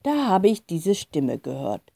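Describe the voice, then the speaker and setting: A woman lends her voice to an earnest teenage boy in a storybook reading, telling something strange with hesitant wonder. The voice sits low and mellow and moves freely in pitch. It is close and dry, with no room around it. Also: big pitch swings, unhurried, creaky, dry recording, heavily acted. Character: earnest fourteen-year-old boy, shy and wondering.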